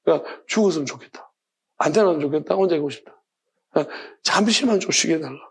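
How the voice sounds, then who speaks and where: A male pastor, preaching a midweek sermon in a conversational, animated way, often laughing. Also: a little high, very fast, husky.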